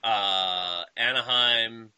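A young man hosts a casual motocross radio show, his voice very bright and forward. He rambles through fillers and restarts, recorded dry and close. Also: lowish voice, very slow, clear, resonant tone, no echo. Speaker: podcast host.

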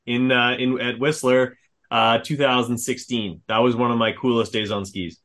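A man in his thirties from Manitoba, Canada, hosting a casual interview and telling stories in a lively, chatty way. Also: mid-range voice, normal speed. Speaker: podcast host.

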